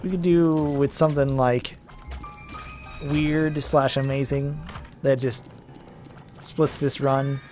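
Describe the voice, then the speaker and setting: A man's voice: medium pitch, little pitch movement, slow, pauses often, a little mellow, soft background music. A man casually commenting on his own gameplay as a let's play host, rambling with self-deprecating asides.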